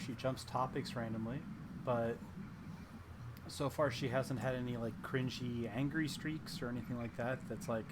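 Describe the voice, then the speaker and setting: Brief: easygoing man narrating as game master; average pitch, steady background hiss. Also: moderate pace. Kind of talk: running a tabletop game. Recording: noisy stream audio.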